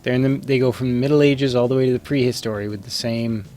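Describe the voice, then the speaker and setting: A man's voice: medium pitch, fairly even intonation, quick pace, dark tone, faint music behind. A man giving casual, rambling live commentary as he plays a video game, thinking aloud.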